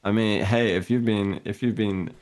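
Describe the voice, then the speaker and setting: A man chatting casually as a guest on a stream, easygoing and admiring, in halting phrases. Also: on the low side, fairly even intonation, darkish tone. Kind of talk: casual chat.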